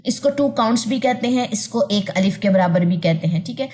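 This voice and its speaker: A woman teaching an online tajweed lesson in a patient voice. She repeats her points, often checks that students follow, and draws out letter sounds slowly. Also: medium pitch, lively intonation, a little mellow. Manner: slow, careful drawn-out pronunciation of letter sounds.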